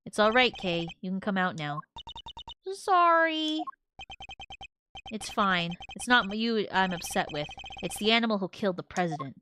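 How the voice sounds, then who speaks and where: A woman voicing a stern, gruff male agent who speaks in short, clipped lines. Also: lively intonation, normal speed, sharp tone, slight background noise. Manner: curt, low and clipped. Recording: game music behind the voice.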